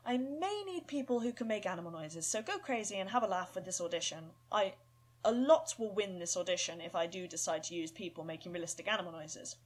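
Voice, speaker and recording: A woman runs through casting notes in a loose, chatty way. She is quick to laugh at herself, and her voice sits at a middle pitch. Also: lively intonation. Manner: chatty, self-deprecating. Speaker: casting call director. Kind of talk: casual audition instructions.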